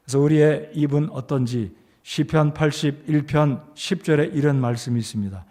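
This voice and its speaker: In a church sanctuary, a male pastor with a fairly high but dark-toned voice preaches at normal speed through a handheld or stand mic. He reads scripture aloud and acts out quoted lines, rising sharply in emphasis for quoted commands. He then asks the congregation questions and leads them in repeating a verse.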